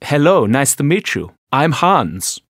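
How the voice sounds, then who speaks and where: A man's voice: mid-range voice, sing-song, a little slow, a bit bright, no echo, clean studio sound, heavily acted. A man acting a friendly young man introducing himself in a scripted course dialogue.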